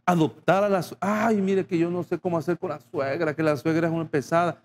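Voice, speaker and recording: A male pastor preaches a sermon straight to his congregation, acting out short dialogues along the way. His voice is fairly high and steady, his pace fairly quick, with slight background noise.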